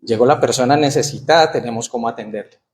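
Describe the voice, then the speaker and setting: A man's voice: mid-range voice, quick pace, a little hiss or hum. Man preaching a sermon, rhetorical questions. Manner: reads scripture aloud with rising emphasis. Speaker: pastor. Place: church.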